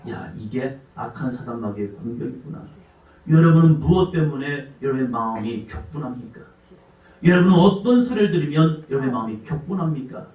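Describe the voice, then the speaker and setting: Korean pastor preaching in an echoey hall. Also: male voice, mid-range voice. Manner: dramatic swings from shouting to hushed asides. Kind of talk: sermon. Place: church sanctuary. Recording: echoey church hall, mic at a distance.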